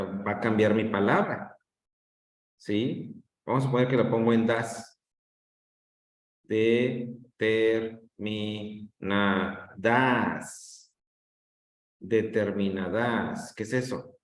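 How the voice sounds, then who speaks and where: A man teaching an online class, drawing out words to show the stressed syllable and often checking in with "¿sí?". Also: medium pitch. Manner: drawn-out demonstrations of stress, frequent checks with "¿sí?". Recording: roomy echo.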